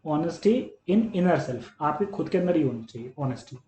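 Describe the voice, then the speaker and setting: A man's voice: on the high side, expressive, normal speed. A man teaching chemistry to exam students, earnest and coaxing, often calling them "beta" and repeating his points on his words. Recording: echoey room with faint hum.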